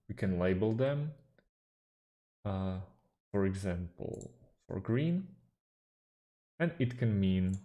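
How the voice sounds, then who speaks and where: A low-pitched Slovak-speaking man hosts a screen-recorded software tutorial, calmly explaining each step. He takes his time, fills pauses with hesitant fillers, and phrases things in a slightly non-native way.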